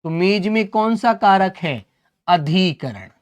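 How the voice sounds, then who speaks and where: A man's voice: sits high, expressive, takes it slowly. A man teaching Hindi grammar in an online exam-prep class, who asks his students questions, answers them himself, and calls them son and brother.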